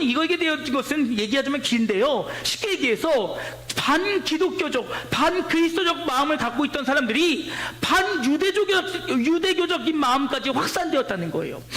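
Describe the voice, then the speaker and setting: High-voiced male pastor preaching. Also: a bit bright. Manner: addresses the congregation directly, acting out quoted dialogue. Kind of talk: sermon. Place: church, Friday night service.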